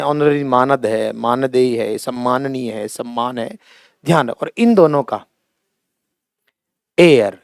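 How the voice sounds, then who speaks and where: A middle-aged male teacher with a Hindi accent, talking at an unhurried pace in a raised, gravelly voice. He stretches out the words he wants remembered and calls his students fondly by family terms. The sound is close and dry. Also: on the high side, a little mellow, dry recording. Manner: slow, emphatic, drawn-out words when stressing pronunciation; addresses students fondly as "beta" and "bhaiya". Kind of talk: classroom lesson at a board.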